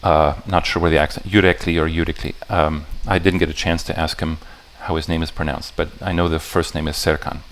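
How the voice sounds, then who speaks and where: A man with a low voice presents a puzzle talk to a live audience. He speaks in halting stretches, backing up to rephrase mid-sentence. Now and then he asks the room whether they are following. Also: level tone. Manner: halting and self-correcting, stops to restart sentences; talks directly to the audience with checking questions. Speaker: puzzle setter giving a convention talk.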